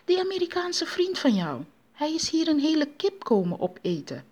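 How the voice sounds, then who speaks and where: A woman voicing Ma Akuba, the spider's sharp-tongued, fretful wife, who scolds shrilly. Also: high voice, huge pitch swings, moderate pace, voice pushed up. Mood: scolding.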